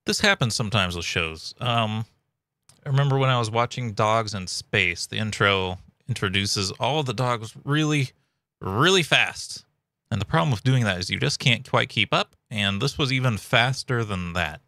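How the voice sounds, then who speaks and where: Gravelly, bright-voiced man chatting casually. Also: lowish voice, animated, moderate pace, no echo, studio quality. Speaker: video host giving thoughts and theories. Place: indoors at home, close dry recording.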